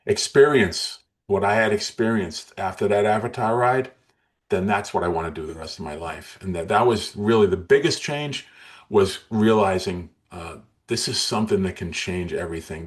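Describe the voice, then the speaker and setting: A man in his sixties speaks as an interview guest with a very deep voice. He tells his story earnestly and emotionally, often restarting his sentences. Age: 60s.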